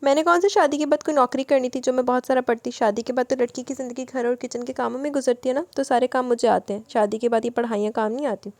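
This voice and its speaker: A woman's voice: sits high, fairly even intonation, hardly any pauses, a little mellow, dry recording. A woman voicing an innocent young bride in an audiobook novel, earnest and pleading as she answers her husband.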